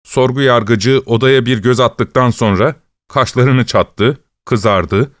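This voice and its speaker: A man reads a story aloud as an audiobook narrator, his mid-range voice even and measured throughout the scripted narration. The recording is dry and of studio quality.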